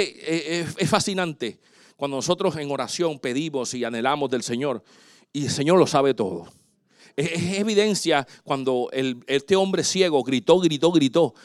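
A pastor preaching a sermon, dramatic, swinging between loud exclamations and hushed asides. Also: male voice, high-pitched, dry recording.

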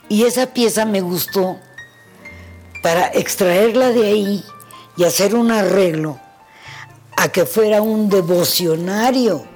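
A woman, a pianist, telling anecdotes in an interview, acting out the voices in her stories. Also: fairly low pitch. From Mexico. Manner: animated storyteller who acts out the voices in her anecdotes. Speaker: pianist guest. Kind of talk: storytelling in an interview.

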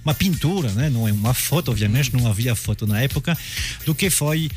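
A Brazilian man chatting casually on air as a radio presenter, halting and repeating his words. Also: mid-range voice, lively intonation, soft background music.

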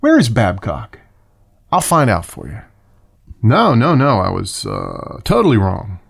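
A man's voice: on the low side, huge pitch swings, a little slow, gravelly, husky. A man hosting a casual birding podcast, talking in a rambling, chatty way with self-corrections and short rants. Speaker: podcast host. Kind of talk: casual solo podcast talk.

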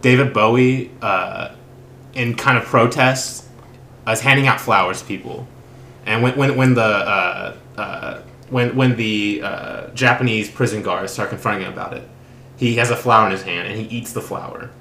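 A man's voice: fairly low pitch, moderate pace, sharp tone, reverberant, slight background noise. A man co-hosting a casual film podcast, rambling with many restarts and fillers. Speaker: podcast co-host.

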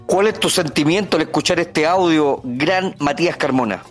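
A man's voice: fairly high pitch, moderate pace, soft background music. A man hosting a podcast discussion and asking guests questions. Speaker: podcast host.

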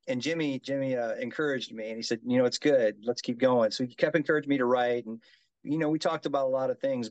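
A man's voice: mid-range voice, dry recording, rough recording. Earnest man in his fifties, dry sound. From Gulf Coast of the United States. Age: 50s. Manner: earnest, restarts often, says "yes, sir". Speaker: musician guest. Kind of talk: casual interview chat.

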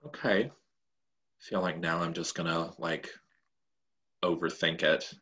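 Low-voiced male co-host, casual and chatty, explains rules plainly. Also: steady tone, slow pace, pushed and bright, muffled recording. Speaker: podcast co-host. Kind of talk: casual chat.

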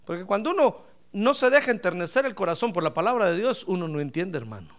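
A male pastor preaching a lively sermon, asking the congregation questions and swinging from shouts to soft asides. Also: high-pitched, quick pace. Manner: animated, playful, asks the congregation questions; bursts into shouts then drops to soft asides.

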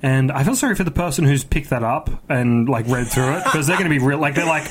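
A man's voice: medium pitch, expressive, quick pace, breathy edge. Man chatting casually, rambling and enthusiastic. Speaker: podcast co-host. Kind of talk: casual chat about a tabletop hobby.

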